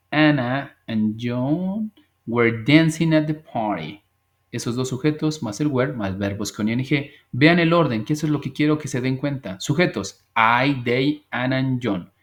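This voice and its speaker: A man's voice: medium pitch, fairly bright tone. Patient man teaching English online. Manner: patient, drills pronunciation slowly and repeats words. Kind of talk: online class lesson.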